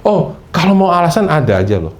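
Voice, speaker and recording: Lively man preaching to a congregation. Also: quick pace. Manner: lively preaching, mixes in English phrases, acts out excuses in a higher voice. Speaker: pastor. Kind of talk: sermon.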